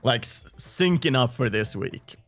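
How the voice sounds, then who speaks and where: Over a remote call, a man hosting a video game music podcast chats casually with his guest, laughing often and restarting sentences. His mid-range voice is animated, gravelly and fairly bright, at a measured pace.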